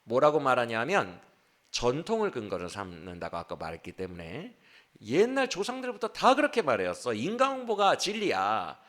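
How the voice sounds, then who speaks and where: A man preaching a sermon as pastor, acting out the quoted speech with sudden changes in loudness. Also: moderate pace. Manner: animated, acts out quoted speech with shifts of pitch and loudness. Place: church.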